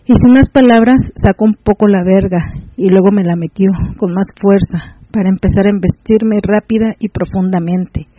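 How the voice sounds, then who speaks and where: High, mellow male narrator for a first-person erotic audio story; intimate and measured, dry muffled sound. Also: dry recording.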